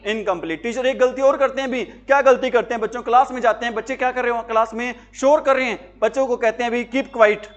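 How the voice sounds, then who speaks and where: A high-voiced man lectures a class on grammar. He fires questions at his pupils, then answers them himself, repeating key words with emphasis. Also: fairly even intonation, fast talker, few pauses, muffled recording. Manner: repetitive, emphatic teaching. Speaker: English teacher for job exams.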